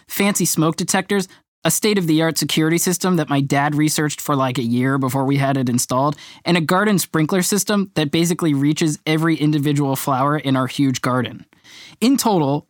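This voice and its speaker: A young man from Boston giving a relaxed, scripted first-person description of his family's house for a listening lesson. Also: fairly high pitch, no room sound, clean studio sound. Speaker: speaker in a listening exercise.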